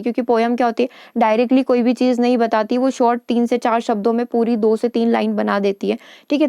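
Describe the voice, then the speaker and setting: Woman lecturer, mellow and smooth, explaining patiently with frequent check-ins. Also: fairly high pitch, no room sound, studio quality. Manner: explains in Hindi with English terms and quick check-ins; reads English lines slowly and carefully. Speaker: teacher. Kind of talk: lecture on English teaching.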